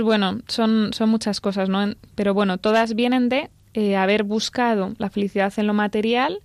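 A woman's voice: medium pitch, no room sound. A woman guest on a radio talk show, explaining at length and retelling scenes with quotes, on a studio mic.

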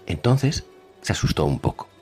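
A man reading a story aloud in an expressive narrating style. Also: low-pitched, normal speed, soft background music.

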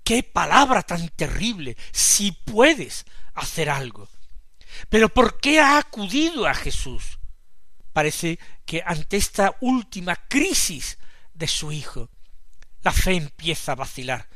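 A man from preaching a radio Gospel reflection, slow and measured, with sudden emphatic swells in loudness. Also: high-pitched, big pitch swings, no echo. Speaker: preacher commenting the daily Gospel.

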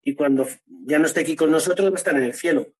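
Husky-voiced man, earnest. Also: fairly high pitch, rapid-fire, low-quality recording. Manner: earnest, tags phrases with "¿no?". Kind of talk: interview, faith testimony.

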